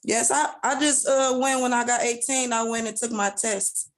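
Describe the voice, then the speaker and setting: A woman's voice: on the high side, steady tone, normal speed. A woman in her thirties answering a judge over a video call, hesitant and polite. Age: 30s. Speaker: defendant.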